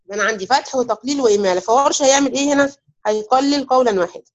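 A woman's voice: high-pitched, very fast. A woman with an Egyptian Arabic accent teaching the rules of Quran recitation in an online class, often putting questions to her students and waiting for answers. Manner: asks students questions and waits.

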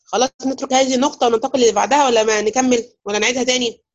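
Quick Egyptian woman teaching recitation. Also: a little high, steady tone, dull audio. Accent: Egyptian Arabic. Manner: asks students questions and waits. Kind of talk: online lesson on recitation rules.

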